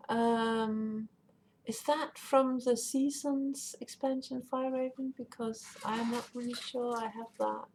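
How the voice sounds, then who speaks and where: Playing a game while reading chat aloud, a woman with Danish as her first language chats and rambles casually. Her voice is medium-pitched and a little mellow, with faint noise in the background.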